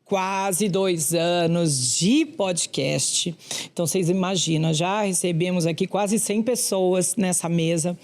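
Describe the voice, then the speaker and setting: A woman's voice: fairly low pitch, takes it slowly, a little mellow. A woman with a Brazilian accent hosting a podcast interview, effusive and full of compliments for her guest. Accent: Brazilian Portuguese. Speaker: podcast host. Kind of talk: warm chatty interview.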